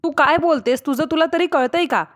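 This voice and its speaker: Woman voicing a sharp accusing scheming woman, high voice, family serial recap. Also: a little fast, natural voice.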